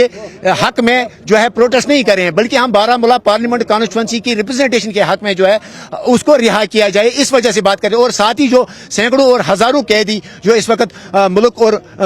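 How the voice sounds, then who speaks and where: A man with a Kashmiri accent, speaking earnestly at an outdoor protest interview, often pausing and restarting. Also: high voice. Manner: earnest, halting with many fillers and restarts. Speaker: politician at a protest. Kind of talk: on-the-spot interview.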